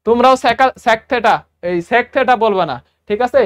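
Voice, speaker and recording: A man's voice: very high voice, moderate pace, a bit bright, clean tone. A man with a Bangladeshi Bengali accent teaching a casual exam-prep math lesson, repeating each step and quizzing his students. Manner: chatty, repeats key steps, asks students quiz questions. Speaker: math tutor.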